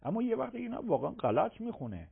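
A man, a religious scholar answering viewers' questions on a live call-in program, emphatic and swinging between loud and soft. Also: high voice, sing-song, creaky, husky. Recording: tinny phone-like broadcast audio.

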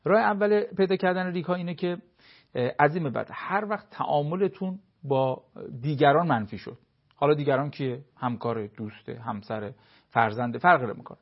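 A man's voice: a little high, muffled recording. A man giving advice on a talk show, explaining his points with everyday examples and short acted-out dialogues.

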